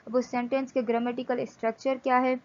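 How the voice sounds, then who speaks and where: Woman teacher going through slides, slow english reading then hindi explaining, slightly high voice, muffled lo-fi audio. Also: flat delivery, a little mellow. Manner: mixes Hindi with English, reads English text slowly and explains in Hindi. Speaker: lecturer.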